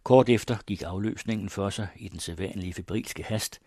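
Husky low-voiced male narrator. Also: a little mellow, dry recording, clean studio sound. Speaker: audiobook narrator. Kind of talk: scripted narration.

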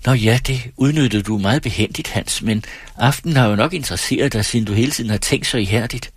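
A restless young married woman from a storybook, teasing and lightly mocking as she talks fast, played by a man. The voice is lifted above a low, husky tone. It is dry and close. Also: no echo, natural voice.

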